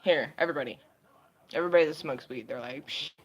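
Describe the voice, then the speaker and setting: A woman's voice: deep voice, fast talker, low-quality recording. A woman vlogging in casual chat, with a laid-back, slangy, sweary stoner way of talking.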